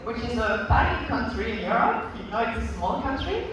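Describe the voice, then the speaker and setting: A man's voice: very high voice, sing-song, moderate pace. A man from Belgium with a Belgian French accent, whose first language is French, giving a conference talk with many fillers and restarts. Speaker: lecturer. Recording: echoey hall from far off, noisy.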